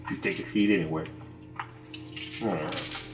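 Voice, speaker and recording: Goofy young dwarf host in a tabletop game, slow simple lines, voiced by a woman. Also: a bass voice, steady tone, over loud music.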